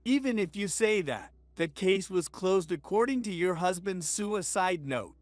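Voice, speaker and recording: A woman's voice: lowish voice, lively intonation, unhurried, no echo. A woman voicing a weary, reluctant male police detective in a told story. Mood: dismissive. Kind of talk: scripted narration.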